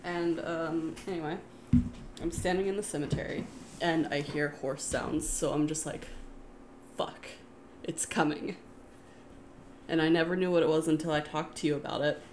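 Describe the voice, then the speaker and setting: A woman with a notably low voice chats on a podcast. She tells a personal story in a relaxed, wry way, with quick asides along the way. A faint noise sits behind her voice. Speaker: podcast co-host. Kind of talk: casual chat, personal storytelling.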